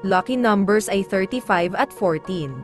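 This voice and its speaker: A woman narrating daily horoscopes in a measured, formal reading style. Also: medium pitch. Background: faint background music.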